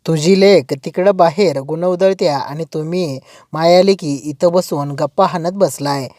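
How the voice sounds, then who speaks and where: A woman's voice: low-pitched, measured pace, warm tone, no echo, studio quality. A woman voicing a suspicious middle-aged aunt who taunts and accuses. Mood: accusing.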